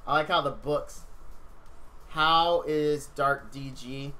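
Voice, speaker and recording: Tired male streamer, slightly high and bright, loose rambling chat with viewers over gameplay. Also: fairly even intonation, takes it slowly. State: tired, yawning. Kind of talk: casual game-stream commentary.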